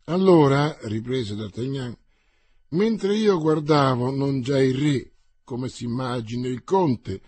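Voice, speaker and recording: Male audiobook narrator, slightly husky, dramatic reading of a classic novel, dry close sound. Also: mid-range voice, darkish tone, no echo. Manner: dramatic reading, raising the voice for dialogue. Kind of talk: scripted narration of a classic novel, voicing each character.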